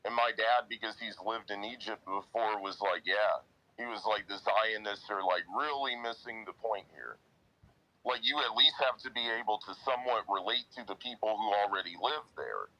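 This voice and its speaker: Earnest man, lowish pitch, very bright forceful tone, casual chat guest. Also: moderate pace, low-quality recording. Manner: earnest, quotes himself often. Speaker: guest in online audio chat.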